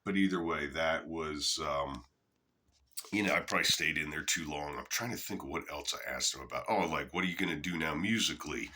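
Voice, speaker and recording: A man's voice: rumbling low, normal speed, sharp tone, a little hiss or hum. A middle-aged man telling a rambling, casual story to camera, swearing freely. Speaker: channel host.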